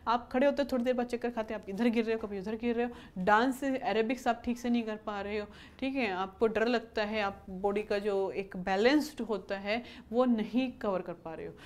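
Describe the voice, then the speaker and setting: A woman's voice: a little high, fairly quick, hardly any pauses. A woman teaching an exam-prep lesson, repeating questions and answers to drill terms and mixing in English words. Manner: mixes English terms into Hindi explanations.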